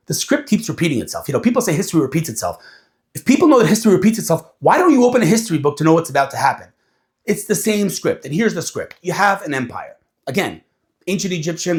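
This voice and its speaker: Man, casual talk, animated and lively, slightly higher voice. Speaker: speaker.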